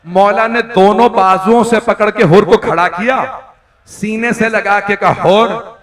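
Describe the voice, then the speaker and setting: A man, a cleric delivering a mourning sermon as dramatic storytelling. He speaks slowly and passionately and rises into wailing cries. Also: high voice, fairly even intonation, recorded from a distance, a crowd in the background. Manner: slow, impassioned, swelling into wailing cries. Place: large indoor prayer hall.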